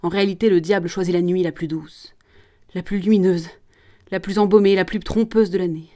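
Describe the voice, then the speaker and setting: A woman voicing a mocking, scheming male prosecutor priest who sneers and shouts, in a read-aloud play. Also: on the low side, steady tone, a little fast, natural voice. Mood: sneering. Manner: sneering, loud and forceful.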